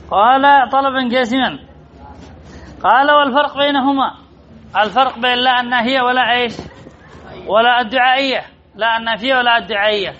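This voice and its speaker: With an extremely high-pitched voice, a man runs an Arabic grammar class: he reads from a text, repeats key terms, and asks students by name to answer. The dull, lo-fi classroom recording carries a little hiss or hum.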